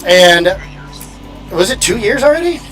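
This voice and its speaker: A man from Indiana chatting quickly and casually while sim racing on stream, laughing often. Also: sits high, big pitch swings, rough recording. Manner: fast-talking, laughs often. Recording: music playing in background.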